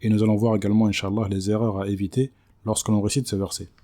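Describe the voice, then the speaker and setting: A man teaching Quran recitation rules, patiently repeating words slowly to show the right pronunciation. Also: fairly low pitch, flat delivery, dark tone. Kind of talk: tajwid lesson.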